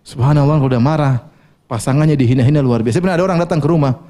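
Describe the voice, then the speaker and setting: A man's voice: fairly high pitch, racing, warm tone. A male preacher giving a sermon, asking the audience questions, answering them himself, and quoting Arabic scripture with translations.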